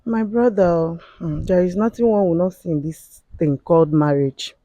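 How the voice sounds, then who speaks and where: A woman telling a personal story as a confessing guest, halting often with fillers and restarts. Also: on the low side, dark tone, no room sound. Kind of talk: emotional spoken testimony.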